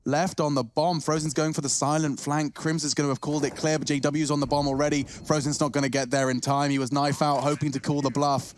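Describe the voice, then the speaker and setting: A man giving excited, dramatic play-by-play commentary as an esports caster. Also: medium pitch. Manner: dramatic, urgent delivery. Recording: clear noise behind the voice.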